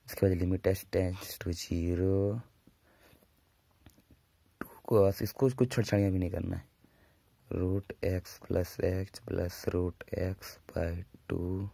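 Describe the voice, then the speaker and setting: A man teaching a maths lesson at a whiteboard. He dictates formulas slowly and drawn out, with brisk asides to his students. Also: low-pitched, vocal fry, warm tone, dry recording.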